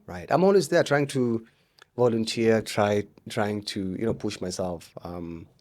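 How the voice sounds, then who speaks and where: A man's voice: lowish voice, measured pace, darkish tone. A Kenyan man, a comedian and radio presenter, chatting casually as an interview guest, upbeat and full of fillers and restarts. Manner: upbeat, code-switching, many fillers and restarts.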